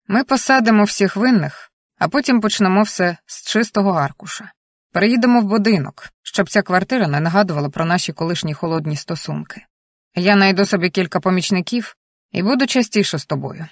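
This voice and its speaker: A reader lends an even, middling voice to a steady, serious husband in an audiobook, measured and earnest. He speaks quietly and firmly. The sound is dry and close. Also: mid-range voice, dry recording, lightly acted. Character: grown man, calm, firm husband. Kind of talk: audiobook dialogue reading.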